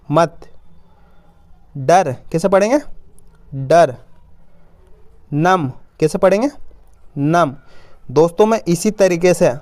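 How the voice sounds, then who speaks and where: A man's voice: on the high side, darkish tone, no echo. A man teaching children to read, patiently sounding out each word and answering his own questions. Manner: says "apan" for "we", informal spoken Hindi. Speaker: Hindi reading teacher. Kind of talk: step-by-step reading lesson.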